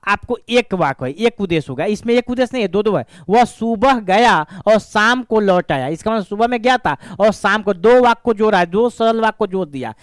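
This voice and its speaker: High-voiced male grammar teacher. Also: lively intonation, quick pace, few pauses, no echo, clean studio sound. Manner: repetitive, asks and answers his own questions. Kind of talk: classroom grammar lesson.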